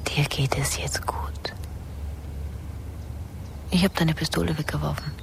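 An actress playing a devoted young woman who speaks softly and soothingly, often in a whisper, in a radio drama. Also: low-pitched, steady tone, measured pace, creaky, full character voice. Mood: tender hushed. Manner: soft, hushed, soothing.

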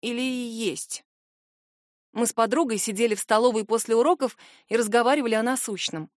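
A woman reading a first-person fantasy novel aloud, expressive and lively in dialogue. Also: on the high side, fast talker, dry recording, clean studio sound. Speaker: audiobook narrator.

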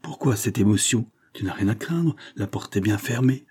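A man's voice: on the low side, expressive, moderate pace, darkish tone, husky. A man reading aloud, voicing a desperate male lover who pleads urgently. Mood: coaxing.

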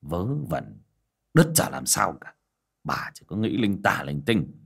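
A man playing a gruff, worried middle-aged village husband in a spoken ghost story. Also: low-pitched, sing-song, slow pace, a bit bright, voice pushed down, exaggerated voice. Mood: scolding. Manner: grumbling, stammering.

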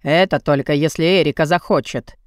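A woman voicing a protective young male warlock who speaks in a firm, calm manner, low and dry. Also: a little fast, no echo, natural voice.

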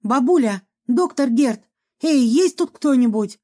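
A woman's voice: fairly high pitch, a little slow, dark tone. A woman voicing an anxious young woman who sees ghosts, speaking in an urgent, breathless way. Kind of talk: audiobook reading.

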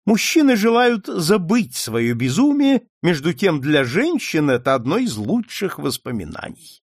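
A man's voice: on the high side, sing-song, unhurried, dry recording, studio quality, pitched above the performer's own voice, full character voice. A man putting on a sneering jealous noblewoman. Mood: scornful mocking. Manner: sneering, mocking. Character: haughty jealous noblewoman, mocking rival.

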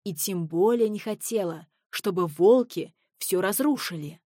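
A woman narrating a children's storybook in a calm, even reading voice. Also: medium pitch, unhurried, no room sound, studio quality. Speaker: audiobook narrator.

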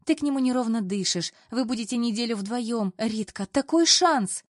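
A woman voicing a bubbly, energetic young female friend who eagerly pushes her pal on in a storybook reading. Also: fairly high pitch, normal speed, no room sound, clean studio sound. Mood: coaxing. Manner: eager, pushy.

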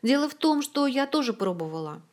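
A woman's voice: high-pitched, big pitch swings, brisk, a little mellow, pitched above the performer's own voice. A woman voicing a stern, pitiless queen who speaks in a cool, matter-of-fact way.

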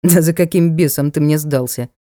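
A woman voicing a sulky, sarcastic young male dark lord in an audiobook, scornful and prone to yelling. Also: low voice, moderate pace, natural voice. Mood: sullen. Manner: petulant, scornful, bursts into shouting. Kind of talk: audiobook character voice.

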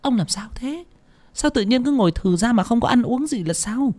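A man voicing a fretful old village wife who nags and frets in a shrill, high voice. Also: lively intonation, moderate pace, darkish tone. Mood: puzzled.

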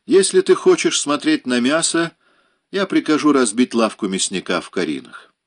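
A man's voice: mid-range voice, big pitch swings, normal speed, pitched above the performer's own voice. A man voicing an ironic, disdainful Roman aristocrat in an audiobook.

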